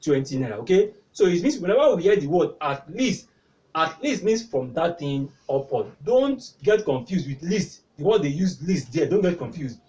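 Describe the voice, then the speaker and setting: A man's voice: a little high, big pitch swings, moderate pace, darkish tone, recorded from a distance, low-quality recording. A man teaching a maths lesson, constantly prompting the class with "what now?" as he explains step by step. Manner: repeatedly asks "what now?" prompting answers. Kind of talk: whiteboard tutorial.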